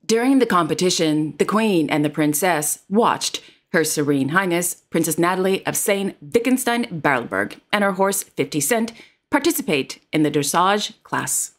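A woman's voice: fairly low pitch, expressive, moderate pace. A woman presenting royal news in a formal, carefully read narration. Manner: formal, reads titles and quotes carefully.

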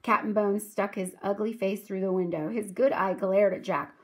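A woman teacher reading a children's chapter book aloud in a clear, steady voice. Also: mid-range voice, normal speed. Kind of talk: storybook read-aloud narration.

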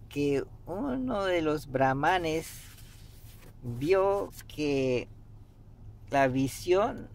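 A middle-aged man reads aloud at a very slow, deliberate pace, stopping often to restart words and add fillers. His voice sits at an ordinary pitch. He is recorded on a dashboard camera inside a parked car, with a faint hiss behind him. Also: darkish tone. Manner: hesitant, many restarts and fillers. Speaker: reader and meditation teacher. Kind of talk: slow halting book reading with commentary.

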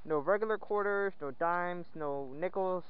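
A man chatting casually and playfully while metal detecting outdoors in the woods, excited over each find. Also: sits high, unhurried, clean tone. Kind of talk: casual outdoor vlog commentary. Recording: dull lo-fi outdoor audio with faint wind noise.

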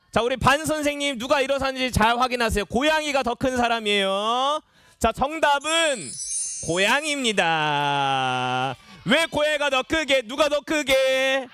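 A young man, a junior pastor, leading a lively quiz game for children in a church education hall, playful and energetic as he calls out to the kids. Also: very high-pitched.

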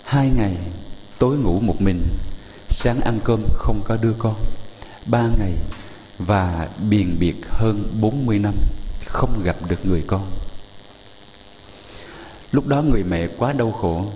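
A male Buddhist monk telling a story in a sermon, gently addressing his listeners. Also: fairly low pitch, a little slow, pauses often, big-room sound, lo-fi sound, a little hiss or hum.

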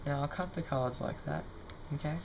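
A man's voice: on the high side, normal speed, gravelly. A young man casually presenting to camera as an amateur magician, informal, tentative and self-deprecating, at a table indoors. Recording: noisy home recording, card shuffling sounds.

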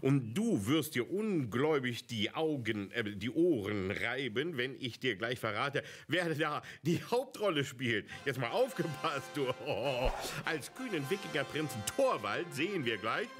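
A man co-hosting a comic film show with wordy, drily teasing banter and halting delivery. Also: mid-range voice, sing-song, fairly bright tone, soft background music. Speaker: co-host of a bad-movie show.

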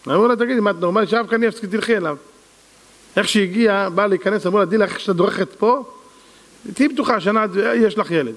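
High-voiced man telling stories in a hall. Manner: animated storyteller, voices quoted people, addresses audience as "gentlemen". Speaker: rabbi giving a lesson. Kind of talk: storytelling sermon. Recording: reverberant hall.

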